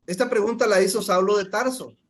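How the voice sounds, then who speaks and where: A man's voice: high-pitched, brisk, a little hiss or hum. A man preaching a sermon, emphatic, often calling his listeners brothers.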